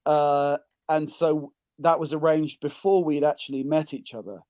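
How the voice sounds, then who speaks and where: English guy on a call, fairly high voice, dry close sound, rambles and jokes at himself. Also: little pitch movement, normal speed, dark tone, no echo. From England. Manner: self-deprecating, rambling with restarts. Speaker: guest, kidney donor. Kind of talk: casual interview chat. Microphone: video call, audio only.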